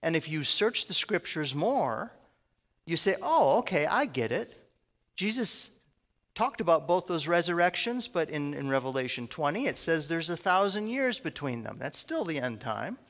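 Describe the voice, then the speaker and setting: A man's voice: on the high side, sing-song, moderate pace, a bit bright, big-room sound. A man preaching a conversational sermon, often asking his congregation questions.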